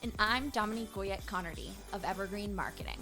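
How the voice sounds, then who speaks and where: A woman reading a scripted podcast intro in an upbeat, lively way. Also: mid-range voice, fast. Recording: intro over music.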